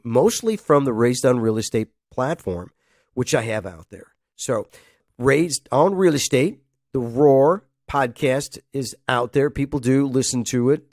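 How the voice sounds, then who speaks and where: Here a podcast host speaks alone in a dry, clean studio, his mid-range voice a little mellow and nasal from a cold. He rambles easily, keeps chuckling and acts out phone calls.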